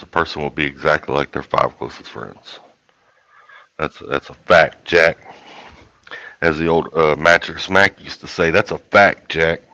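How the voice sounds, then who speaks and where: A man's voice: a bass voice, sharp tone, no echo, highs cut off. A man with a South Texas accent chatting casually on a livestream in a folksy, rambling way. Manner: folksy, rambling, colloquial drawl. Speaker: YouTube host.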